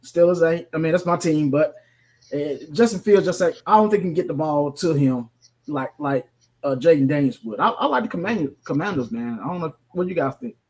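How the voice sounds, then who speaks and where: Slightly high voiced guy co-hosting sports talk, rambly, says man a lot. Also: animated, a little fast, a little mellow. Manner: rambling, lots of fillers and "man". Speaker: co-host. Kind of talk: casual sports radio chat.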